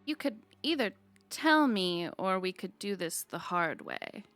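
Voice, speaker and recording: A woman playing a short, cocky female warlock who quietly threatens a stranger in a tabletop game. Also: mid-range voice, very animated, measured pace, dry recording, soft background music. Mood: threatening.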